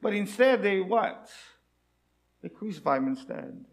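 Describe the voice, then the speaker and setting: A man's voice: sits high, animated, a little slow, gravelly. A man preaching a sermon, earnest and pleading, often asking his listeners rhetorical questions.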